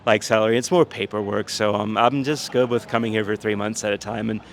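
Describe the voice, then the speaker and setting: Guy from louisiana giving blunt interview answers, lowish voice. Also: fairly even intonation, a little fast, gravelly. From Louisiana, United States.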